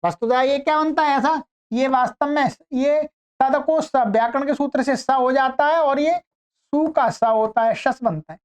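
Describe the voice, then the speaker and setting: A woman teaching Sanskrit grammar online, explaining patiently step by step and drawing out example words slowly. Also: sits high, darkish tone. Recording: dull lo-fi recording.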